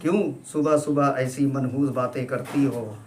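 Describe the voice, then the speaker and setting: A man voicing an affectionate middle-aged husband, gentle and coaxing, in a storybook reading. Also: medium pitch, steady tone, a little slow, slight background noise, lightly acted. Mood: tender.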